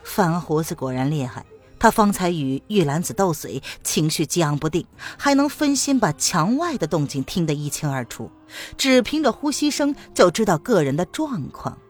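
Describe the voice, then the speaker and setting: A woman narrating a martial-arts novel aloud as an audiobook, with expressive storytelling. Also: on the low side, normal speed, soft background music.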